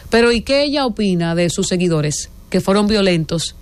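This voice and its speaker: An animated political commentator from the Dominican Republic, this woman speaks in a clean, mid-range voice with a Dominican accent. Her indignant opinion monologue drives each point home with deliberate force.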